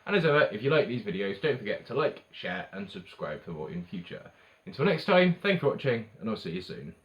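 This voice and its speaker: A man with a somewhat low voice presents a review for online viewers. He talks casually and chattily, leaning on key words and slipping in offhand asides. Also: sing-song, a little fast, muffled recording. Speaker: shop reviewer presenting product videos. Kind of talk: casual scripted-feeling product review to camera.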